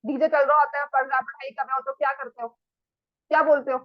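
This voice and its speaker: A woman's voice: sits high, flat delivery, quick pace, no echo, lo-fi sound. A woman maths teacher. She mixes Hindi and English, keeps asking the class questions and scolds the students firmly. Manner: talks straight to the students, asks them questions, scolds firmly.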